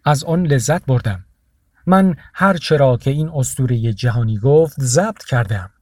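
A man's voice: medium pitch, expressive, darkish tone, dry recording, clean studio sound, lightly acted. A man voicing a stubborn, carefree male artist in an audiobook. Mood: defiant.

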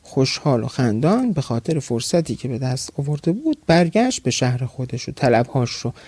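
A man's voice: medium pitch, very animated, mellow, breathy edge, dry recording. A man narrating a folk tale as a podcast storyteller.

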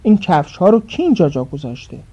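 A woman's voice: lowish voice, very animated, dark tone, breathy edge, heavily acted. A woman voicing a menacing, suspicious male ifrit who accuses and interrogates, on a dull lo-fi recording. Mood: accusing.

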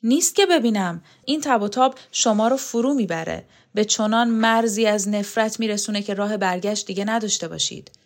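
A woman reading a novel aloud, voicing a sharp, disillusioned woman who speaks with biting contempt. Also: mid-range voice, close to an everyday voice. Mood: cutting. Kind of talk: audiobook character reading.

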